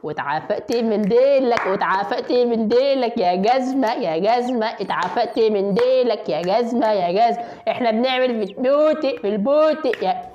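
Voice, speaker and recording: A woman with an Egyptian accent giving playful voice-over commentary on a video. She teases the people on screen like a mock sportscaster and sometimes breaks into excited yells. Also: fairly high pitch, brisk, few pauses, highs cut off, slight background noise. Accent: Egyptian Arabic.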